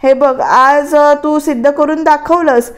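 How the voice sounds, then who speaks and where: A proud, irritable young man from a TV serial, scolding in a bossy, grumbling way, as a woman reads his lines aloud. The voice stays high, close to her own. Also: fairly even intonation, slow.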